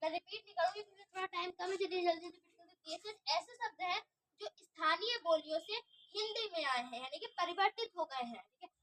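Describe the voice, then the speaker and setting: A woman's voice: very high voice, brisk, pushed and bright. A woman teacher giving an online grammar lesson, asking questions and answering them herself and often checking whether the class understands. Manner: repetitive, restarts words while explaining.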